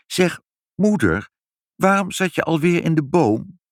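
A curious little girl who keeps pressing with questions, her voice high and lively, as a man reads her part. She sounds eager and never shy about asking. The recording is close and dry. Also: a little slow, no room sound. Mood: insistent.

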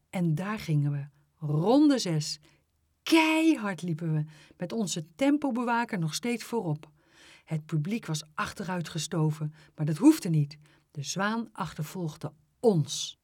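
Slow-reading woman with a dry sound. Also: no echo. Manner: unhurried expressive reading, lively pitch on exclamations. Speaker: storyteller. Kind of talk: children's story reading.

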